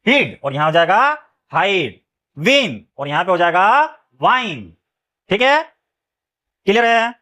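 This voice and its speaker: Man, high-pitched, phonics teacher, spells words letter by letter, quizzing students. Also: big pitch swings, takes it slowly, pauses often, bright, forceful tone. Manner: spells words letter by letter, keeps asking "clear?". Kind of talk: phonics lesson.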